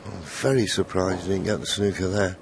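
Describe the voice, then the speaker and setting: A man giving hushed live snooker commentary in measured phrases, pausing between thoughts. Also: deep voice, steady tone, creaky. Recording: crowd and loud arena noise behind. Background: snooker arena crowd ambience.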